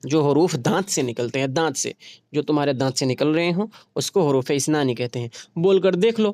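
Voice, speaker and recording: A man with a fairly high voice teaches a grammar lesson at a very unhurried pace, sounding out each letter and repeating it so learners can follow along. The recording is dry and close, with no room sound. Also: no room sound. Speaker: Urdu teacher.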